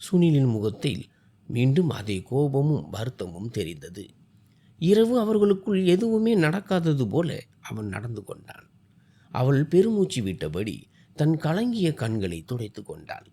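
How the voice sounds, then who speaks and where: A man tells a family story in an expressive, dramatic reading. His voice is dark and husky and sits a little high, and his pitch moves about freely. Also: unhurried. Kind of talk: scripted story narration.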